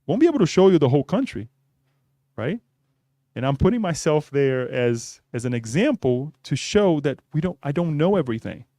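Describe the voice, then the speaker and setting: Middle-aged guy giving a spiritist talk, keeps saying "right?", mellow voice, dry sound. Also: on the high side, big pitch swings, moderate pace, no room sound. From Brazil. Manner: conversational, often adds "right?". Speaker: spiritist speaker. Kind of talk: religious talk.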